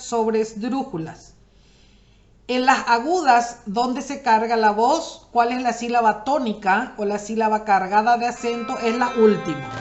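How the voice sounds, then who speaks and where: Brief: woman teacher, fairly high voice, explanatory lesson delivery, poses and answers her own questions. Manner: slows to spell out example words one by one. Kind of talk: recorded grammar lesson.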